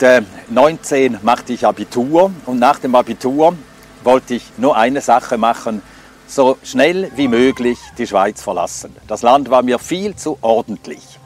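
An older man from Scandinavia, Swedish by first language, shares his personal story at a measured pace in a mid-range voice. His delivery is reflective and hesitant, sprinkled with fillers.

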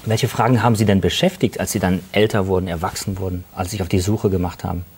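A man hosting a television interview, asking calm, concise questions. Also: low-pitched, fast, slightly rough. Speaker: interviewer host.

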